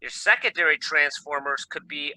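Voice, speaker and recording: A man's voice: a little high, normal speed, pushed and bright, no room sound, poor audio. A man teaching an electronics class over a video call, talking casually and thinking aloud as he works the screen share. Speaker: electronics instructor. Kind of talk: live online class lecture.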